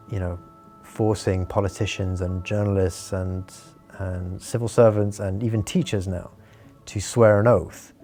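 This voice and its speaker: A man's voice: deep voice, vocal fry, mellow. A man from Hong Kong, interviewed with his voice disguised, explaining things earnestly with frequent restarts. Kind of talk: explaining, measured interview talk.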